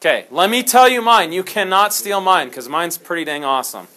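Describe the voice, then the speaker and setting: A male history teacher lecturing his class in a classroom. His voice sits a little high, and he talks in an animated, jokey way. He keeps slipping into dramatic storytelling. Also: brisk.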